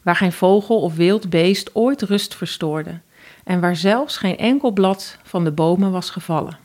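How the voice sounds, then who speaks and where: A woman with a Dutch accent narrating a fairy tale in a calm, even storytelling voice. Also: fairly low pitch, a little slow.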